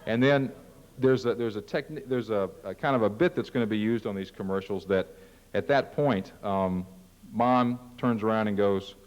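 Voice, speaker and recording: A man's voice: on the low side, normal speed, a little mellow, a little hiss or hum. Man presenting in an echoing hall. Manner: casual, self-deprecating, acts out ad lines. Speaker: marketing presenter at a company meeting. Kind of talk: presentation to staff. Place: large conference hall. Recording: long reverb of a large hall.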